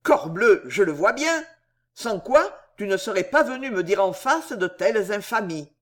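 Hot-tempered proud poet, voiced by a woman reader, declamatory, slow and weighty. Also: expressive. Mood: raging indignation. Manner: indignant, booming, declamatory. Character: proud, indignant man poet, quick to rage.

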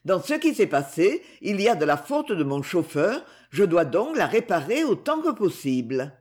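A woman's voice: lowish voice, sing-song, moderate pace, a little mellow. A woman voicing a charming young male count, courteous yet imperious, in an audiobook.

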